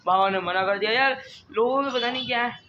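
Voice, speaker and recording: Excitable young man filming his rooftop. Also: very high voice, fast talker, dull audio, a little hiss or hum. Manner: excitable, repeats words, frequent religious exclamations. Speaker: vlogger. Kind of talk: casual vlog chat. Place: home rooftop, outdoors.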